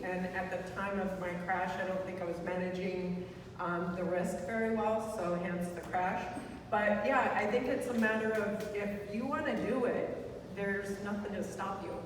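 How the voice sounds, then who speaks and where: A woman's voice: medium pitch, noisy background. A woman answering a panel question to an audience in an earnest way, with many fillers. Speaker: panel speaker. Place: large hall. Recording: echoey hall from far off.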